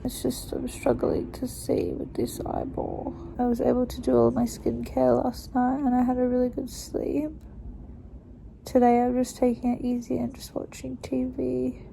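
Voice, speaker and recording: Young aussie woman vlogging, blocked-up nose, kinda sleepy, slightly high voice with a gravelly edge. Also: normal speed, mellow, a little hiss or hum, rough recording. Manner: chatty, rambling, frequent "like" and "um". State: stuffy, congested nose after surgery. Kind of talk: casual recovery vlog.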